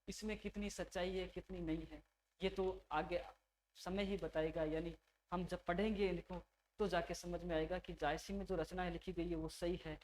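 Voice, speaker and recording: A man's voice: sits high, a little mellow, a little hiss or hum. A male teacher, giving a conversational exam-prep lecture and repeating key names for his students.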